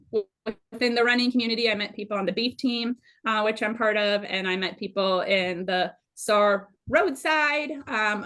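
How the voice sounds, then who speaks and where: A woman's voice: mid-range voice, fairly bright tone. Brief: woman, late 30s, from Minnesota, upbeat guest, casual storytelling with easy laughs. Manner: bubbly, self-deprecating, laughs at herself. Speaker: guest runner.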